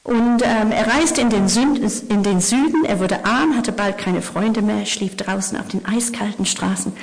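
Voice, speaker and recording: A woman preaching a Christmas sermon, telling stories and often dropping to a hushed whisper for emphasis. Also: mid-range voice, normal speed. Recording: long hall reverb.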